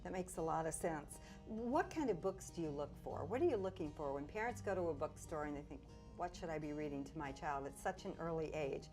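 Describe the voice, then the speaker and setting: A woman's voice: deep voice, lively intonation, fairly quick. Woman interview host over faint music. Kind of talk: scripted-sounding interview questioning.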